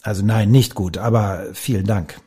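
A man's voice: fairly low pitch, fairly even intonation, normal speed, mellow, slightly rough. A man reading a storybook, playing a startled, hesitant husband on the phone. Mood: flustered.

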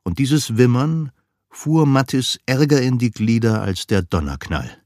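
A man narrating a children's story as an audiobook, expressive and lively with big dynamic shifts. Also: mid-range voice, a little slow, no echo, studio quality.

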